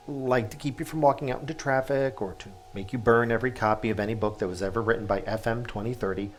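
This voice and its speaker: Delivering a scripted monologue in a mid-range voice, a man takes on the role of an earnest small-town radio host. He speaks deliberately, leaning on dramatic pauses and emphasis.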